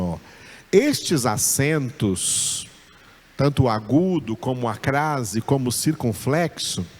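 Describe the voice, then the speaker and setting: Slow, patient Brazilian Portuguese male teacher. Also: mid-range voice, a little mellow. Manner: patient, repeats each point and word several times, checks in with "tá?". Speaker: Bible school teacher. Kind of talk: recorded lesson on Koine Greek.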